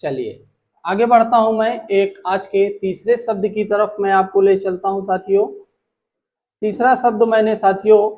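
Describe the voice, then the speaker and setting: Slow, high-voiced Hindi teacher man. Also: lo-fi sound. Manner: drawn-out repetitive teaching, asking the class back; playful mnemonic jokes. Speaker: English vocabulary teacher. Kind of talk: classroom vocabulary lesson.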